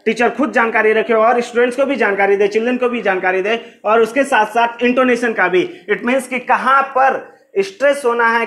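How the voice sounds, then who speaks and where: A man's voice: very high-pitched, sharp tone. A man teaching an exam-prep lecture on English teaching methods, explaining in Hindi mixed with English terms and repeating key phrases.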